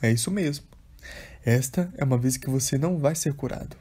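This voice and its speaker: A man's voice: medium pitch, a little fast, dark tone, slightly rough, natural voice. A man voicing a taunting male devil spirit in a devotional audiobook, reading the lines plainly.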